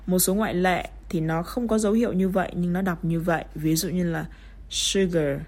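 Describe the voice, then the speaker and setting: A woman with a Vietnamese accent teaching English pronunciation, drilling words slowly and deliberately. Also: lowish voice, fairly even intonation, a little mellow. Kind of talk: pronunciation lesson.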